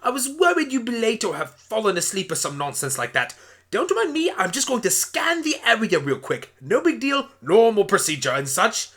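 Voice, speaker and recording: A man's voice: sits high, wildly swooping pitch, moderate pace, a bit bright, heavily acted. Man voicing Doctor Whooves, swooping eccentric pony. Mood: breezy, chatty. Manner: rambling, self-satisfied, breezy. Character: eccentric, chatty male time-travelling alien pony doctor. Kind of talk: amateur radio play acting.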